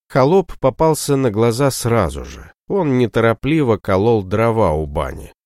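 A man narrates an audiobook in a steady storytelling manner. His voice is low and close, in a dry, dead-sounding room. His pitch moves a lot as he reads. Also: no echo.

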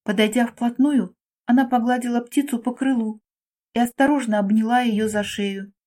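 A woman narrating a children's fairy tale in a gentle, read-aloud manner. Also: on the high side, steady tone, normal speed.

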